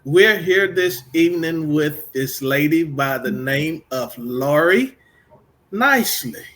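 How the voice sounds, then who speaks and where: A man's voice: a little high, animated, slow pace, fairly bright tone. A middle-aged man from Texas hosting a casual radio interview, rambling and repeating himself in an upbeat way. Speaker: podcast and radio host.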